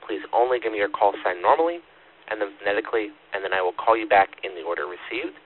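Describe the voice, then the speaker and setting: A man running an amateur radio net as net control, acknowledging stations in a formal, methodical way over a static-laden radio transmission with a loud buzz. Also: on the low side, fast talker, phone-quality sound.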